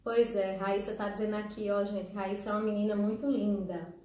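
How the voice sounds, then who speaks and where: A woman's voice: medium pitch, level tone, fairly quick, a little mellow. A woman hosting a casual live stream as a teacher. She is chatty, laughs often and talks straight to her viewers. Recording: echoey room, far from the mic.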